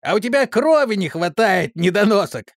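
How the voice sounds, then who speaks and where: A man's voice: medium pitch, huge pitch swings, moderate pace, no room sound, studio quality. A man voicing a touchy, boastful male onion-headed medic robot in an audiobook reading. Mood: cocky.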